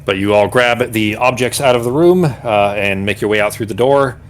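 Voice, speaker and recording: Male game master, low voice, loose rambling narration. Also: normal speed, slight background noise. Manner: rambling, searching for words, many restarts.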